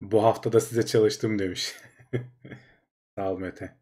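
A man co-hosting a casual podcast in a relaxed, conversational way with many fillers. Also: fairly low pitch, unhurried. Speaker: co-host.

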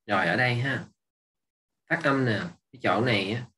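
Slow, husky male teacher. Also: mid-range voice, sharp tone. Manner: patient, repeating words and asking if students follow. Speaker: English teacher. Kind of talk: exam review lesson.

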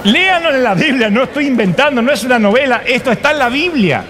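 A man preaching, retelling a story with humor, animated and full of asides to the audience. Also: very high-pitched, quick pace, a faint crowd, a little hiss or hum. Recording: long hall reverb, live sermon.

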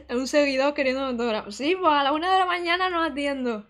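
Excitable high-voiced woman gamer. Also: a little fast. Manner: excitable, reacts loudly and jokes. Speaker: gaming streamer. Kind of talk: casual gameplay commentary.

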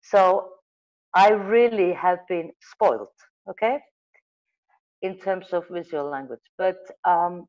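Speaking slowly and pausing often, this middle-aged Icelandic woman has a fairly low voice picked up by an earbud headset mic on a video call, so the sound is lo-fi. A magazine editor, she tells animated stories in a room lined with photos, gesturing and correcting herself as she restarts sentences.

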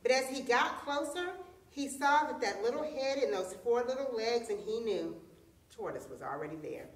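Expressive woman telling a folktale. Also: on the high side, normal speed. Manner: expressive, dramatic. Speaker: storyteller. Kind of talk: folktale storytelling. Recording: echoey room, distant mic.

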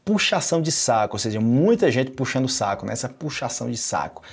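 A man with a Brazilian Portuguese accent teaching a casual online Portuguese lesson, chatty and relaxed, tagging sentences with "né?" and "ok?". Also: medium pitch, quick pace, vocal fry, slightly rough. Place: Medellín, Colombia.

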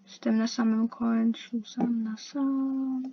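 A woman's voice: on the high side, little pitch movement, takes it slowly, slightly rough. A young woman giving casual, chatty commentary while playing an online game, complaining and talking to herself and the other players. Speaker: gaming youtuber. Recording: dull lo-fi mic with faint hiss.

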